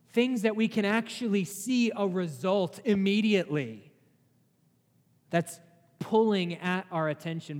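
A male pastor preaching a sermon, earnest, with rhetorical questions and emphatic rises in his delivery. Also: high voice. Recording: long hall reverb.

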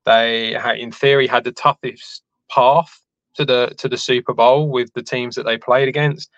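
Co-host on a dull, dry line. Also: male voice, mid-range voice, fairly even intonation, moderate pace, fairly bright tone, dry recording. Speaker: podcast co-host. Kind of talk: casual chat.

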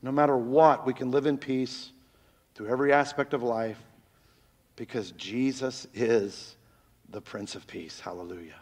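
A pastor preaches a sermon in church on a microphone, his very loud voice swinging between loud cries and hushed, near-whispered lines. His voice is mid-range and slightly rough, his pace measured, with a long reverb tail.

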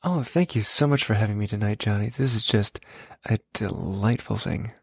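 Man, podcast co-host, lowish voice, dry humor, close dry sound. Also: normal speed, gravelly, slightly rough, no room sound. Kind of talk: casual podcast chat.

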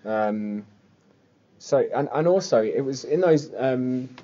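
A man's voice: medium pitch, lively intonation, takes it slowly, warm tone. A man from southern England with a Home Counties accent, chatting casually and ramblingly as a podcast host. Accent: Home Counties English. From southern England, Surrey and the Cotswolds. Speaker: football fan podcast host. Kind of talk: casual chat. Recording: slightly dull, lo-fi sound.

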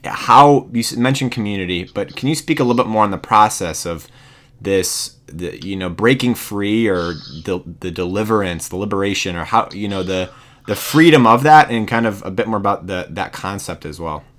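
A man's voice: fairly low pitch, moderate pace, a bit bright. A man hosting an interview, asking long questions in a hesitant way with many fillers. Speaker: podcast host.

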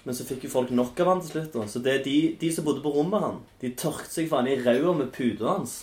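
A man's voice: mid-range voice, darkish tone. A man casually telling crude anecdotes on a podcast, swearing freely and animatedly as he goes. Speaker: podcast host. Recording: echoey room with faint noise.

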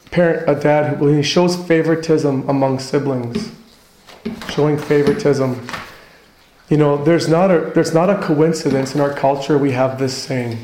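A man's voice: medium pitch, mellow, a little hiss or hum. Earnest male pastor in an echoey hall. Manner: earnest, conversational teaching with personal stories. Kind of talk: sermon. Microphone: handheld microphone.

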